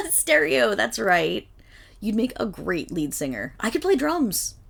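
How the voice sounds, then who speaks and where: A woman's voice: fairly high pitch, slow pace, gravelly, breathy edge, full character voice. [name], a woman doing a bouncy puppy girl. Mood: eager. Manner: excitable, loud, giggly. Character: bubbly affectionate dog-eared young woman. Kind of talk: ASMR role-play.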